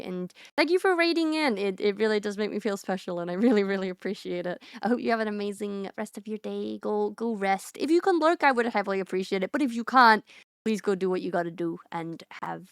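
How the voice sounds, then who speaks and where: A woman's voice: mid-range voice, gravelly, fairly bright tone, smooth, no echo, studio quality. A woman streamer chatting casually with her viewers, rambling with lots of fillers and restarts.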